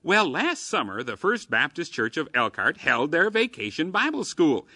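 A man hosting a children's religious radio program in a folksy, avuncular, upbeat style, like a chipper old-time ad pitch. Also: very animated, moderate pace, sharp tone, no room sound, clean studio sound. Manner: avuncular, addresses children as fellas and gals.

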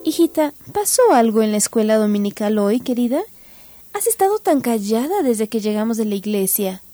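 A woman doing a soft, loving mother. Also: high-pitched, lively intonation, a little slow, soft background music. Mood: tender. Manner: soft, tender, soothing. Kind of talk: storybook reading.

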